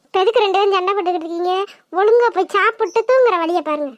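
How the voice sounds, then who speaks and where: A woman's voice: extremely high pitch, racing, no echo, lo-fi sound. A woman voicing a village aunt and mother in a cartoon, scolding the children yet caring for them. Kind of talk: cartoon voice acting.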